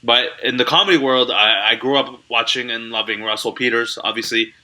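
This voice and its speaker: Laid-back young man, bright voice. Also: mid-range voice, steady tone, brisk, poor audio. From Canada. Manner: laid-back, laughing, slangy. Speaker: comedian guest. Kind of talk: casual interview chat. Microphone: video call.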